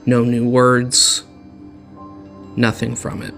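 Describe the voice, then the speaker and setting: A man narrating a tabletop game as dungeon master in a slow, deliberate storytelling manner. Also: mid-range voice, monotone, vocal fry, fairly bright tone, soft background music.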